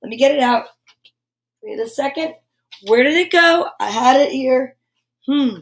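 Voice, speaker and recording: A woman with a high-pitched voice hosts a live children's story time, effusive and encouraging as she shifts between chatty asides and reading aloud. She addresses her young listeners playfully, with lively intonation and a measured pace.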